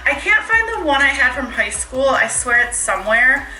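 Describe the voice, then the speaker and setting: A woman's voice: sits high, very animated, moderate pace, pushed and bright, roomy sound, rough recording. A young woman and hair stylist chatting casually through a home tutorial, rambling with lots of fillers and asides, a bit out of breath.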